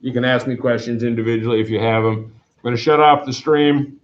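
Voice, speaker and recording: Picked up by a camera across a classroom with a whiteboard, this middle-aged Canadian man is a math teacher chatting and rambling to his students in a self-deprecating, talkative way. He speaks at medium pitch with fairly even intonation, a little quickly, over slight background noise. The sound is roomy and dull.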